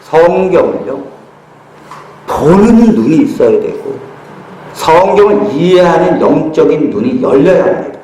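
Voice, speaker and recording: Man, pastor, high voice, storytelling sermon, roomy hall sound. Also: animated, unhurried, mellow. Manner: storytelling with acted-out quotes, humorous asides. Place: church hall.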